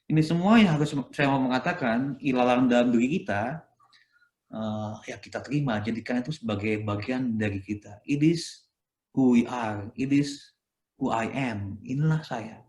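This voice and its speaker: In an echoey room, a priest with an Indonesian accent gives a conversational sermon in a mid-range, darkish voice at normal speed. He often ends phrases with "gitu ya" and slips English phrases into his speech.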